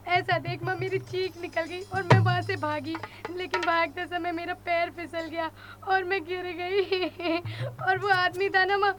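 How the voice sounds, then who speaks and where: A woman's voice: very high voice, level tone, a little slow, few pauses, over music. A woman playing a spoiled, scheming young daughter who threatens and lies to her parents. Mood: whining.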